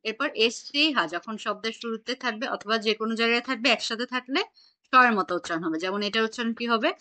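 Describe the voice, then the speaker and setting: A woman's voice: on the high side, fast talker, pushed and bright. A woman teaching an online German class, patiently quizzing her students on pronunciation over a video call.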